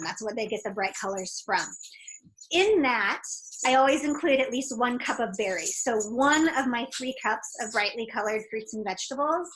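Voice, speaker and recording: Chatty upbeat woman coach, fairly high voice. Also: a bit bright, low-quality recording. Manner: chatty, filler-heavy, upbeat. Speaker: fitness and health coach. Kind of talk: casual teaching talk to fellow coaches.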